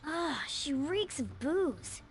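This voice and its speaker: A woman's voice: high voice, very animated, slow, full character voice. A woman voicing a cheeky, bossy little talking cat in a video game, scolding and pert. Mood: smug. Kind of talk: video game dialogue acting. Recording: background music under dialogue.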